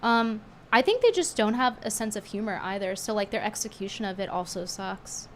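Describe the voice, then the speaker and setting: Reading viewer tips aloud, this woman streamer keeps things blunt, scornful and chatty in a casual livestream. Her medium-pitched voice is animated and fairly quick but strained and hard to produce because of a cold. A little hiss or hum is audible.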